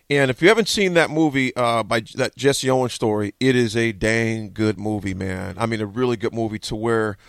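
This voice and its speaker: A man's voice: a little high, a bit bright, no room sound, studio quality. A man in his forties hosting a sports radio show, talking casually and rambling with many fillers. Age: 40s. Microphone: studio microphone.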